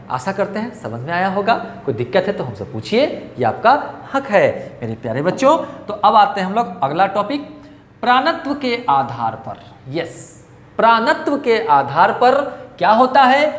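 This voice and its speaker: A man's voice: high voice, a bit bright. A man teaching a grammar lesson, repeating himself often and quizzing his pupils with questions he answers himself. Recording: echoey room with long reverb.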